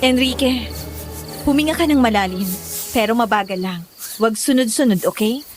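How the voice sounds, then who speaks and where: An actress playing a determined, skeptical young woman doctor who argues calmly and rationally. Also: high-pitched, fairly quick, over music. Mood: soothing. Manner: rational, persuasive.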